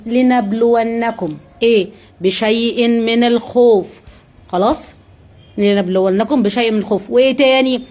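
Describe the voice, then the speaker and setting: A woman's voice: high-pitched, a little mellow. A woman with an Egyptian accent giving a live-streamed religious talk. She talks to her viewers directly in an earnest, coaxing way and keeps asking questions that she then answers herself. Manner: asks rhetorical questions and answers them herself.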